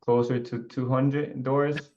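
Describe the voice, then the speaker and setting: A man in his twenties from Ecuador, a guest talking in a relaxed, rambling way, with many fillers, over a video call. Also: mid-range voice, slow, dull audio. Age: 20s. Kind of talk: casual interview.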